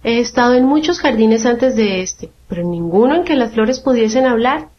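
A woman's voice: fairly high pitch, expressive, normal speed, natural voice. A woman voicing the girl Alice in a storybook reading, polite, curious and mild. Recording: dull lo-fi radio sound.

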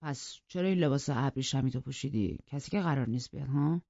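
A woman's voice: a bass voice, gravelly, warm tone, dry recording, muffled recording, exaggerated voice. Woman voicing sullen brooding Heathcliff. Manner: blunt, resentful. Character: brooding sullen young farmhand man.

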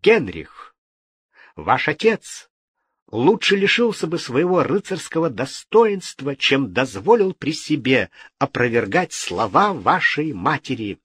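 A man's voice: mid-range voice, sing-song, slow pace, fairly bright tone, slightly rough, no room sound, studio quality, pitched above the performer's own voice, exaggerated voice. A man voicing an imperious older queen mother, indignant and commanding. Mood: furious.

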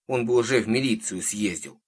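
A man's voice: fairly low pitch, animated, a little fast, slightly rough. A man voicing a confused young boy who frowns and calls out, in a storybook reading. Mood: puzzled.

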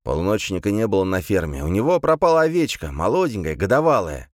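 A man's voice: fairly low pitch, sing-song, fast, dry recording, studio quality, voice pushed up. A man doing a weary, repetitive country gendarme. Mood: admonishing. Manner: repeats himself, mechanical and admonishing. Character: weary middle-aged male gendarme, repetitive and fussy.

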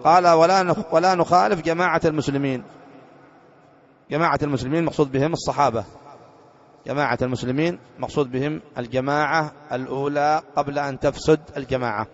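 A religious teacher from Yemen delivers a lecture, his voice sitting a bit high for a man. He keeps turning to his listeners with rhetorical questions and then answers them himself. The recording is dull and lo-fi. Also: steady tone, fast. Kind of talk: explaining a creed text in a lecture.

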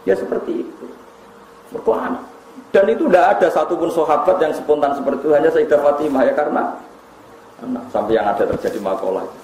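A man's voice: fairly high pitch, lively intonation, quick pace, darkish tone, roomy sound, slight background noise, poor audio. A man with a Javanese accent giving a humorous religious lecture, mixing joking asides with recited Arabic. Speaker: preacher.

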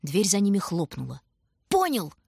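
A woman narrating an audiobook with expressive storytelling. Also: medium pitch, fairly quick, slightly rough, no room sound, clean studio sound.

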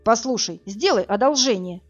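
A woman voicing a cocky, brusque burly man who talks in a hurried, mocking way. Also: a little high, animated. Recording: dull lo-fi audio, faint music.

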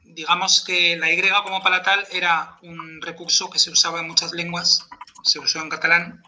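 Guy from on a podcast, high voice, really bright sharp tone, patient explaining, keeps asking "vale?". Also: level tone, normal speed, slight background noise. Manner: patient, step-by-step, checks in with "¿vale?". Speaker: podcast presenter teaching Elvish pronunciation. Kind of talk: explanatory teaching chat.

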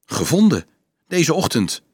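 An excitable young tanner boy in a read-aloud storybook, his voice lifting high and springing up and down as he hurries through his explanations, as a male narrator puts him on. The sound is dry and close. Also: unhurried, creaky, slightly rough, no room sound, heavily acted. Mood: eager.

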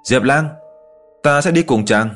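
A man's voice: mid-range voice, unhurried, a bit bright, faint music behind, pitched above the performer's own voice, lightly acted. A man voicing a cheerful, playful young woman who teases lightly. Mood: devoted.

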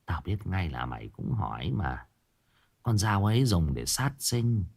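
A man voicing a calm, knowing old grandmother who explains things slowly and quietly. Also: vocal fry, husky, full character voice. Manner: slow, low, unhurried and wise.

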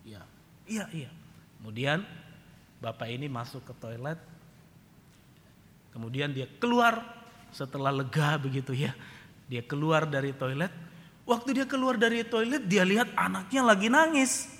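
A male pastor preaching emphatically in a church, swelling to loud declarations and dropping low for storytelling. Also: lively intonation, normal speed, long pauses. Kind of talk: sermon. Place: church hall. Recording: reverberant church hall.

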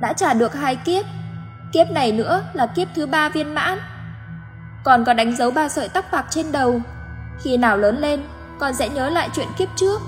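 A woman's voice: sits high, expressive, normal speed, in a large hall, music in the background, pitched above the performer's own voice. Woman putting on a wailing drowned boy's ghost. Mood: tearful wailing. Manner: tearful, stammering lament.

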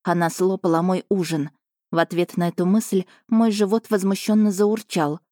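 A woman narrating a fantasy audiobook in the first person, with measured and lightly wry storytelling. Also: on the low side, steady tone, warm tone, no echo, clean studio sound.

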